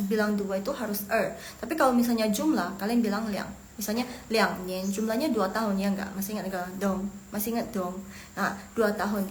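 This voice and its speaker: A woman from Medan teaching Mandarin in a casual live lesson, chatty and quick to laugh, talking to viewers as friends. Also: medium pitch, echoey room, slight background noise. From Medan, Indonesia. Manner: chatty, laughs often, talks to viewers as guys.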